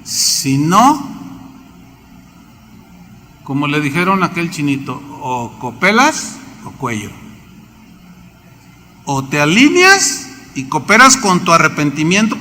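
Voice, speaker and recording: High-pitched, bright Mexican preacher. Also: male voice, slow pace, long pauses. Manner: animated, acts out biblical characters, asks the congregation questions. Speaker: pastor. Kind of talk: sermon. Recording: reverberant hall, faint background noise.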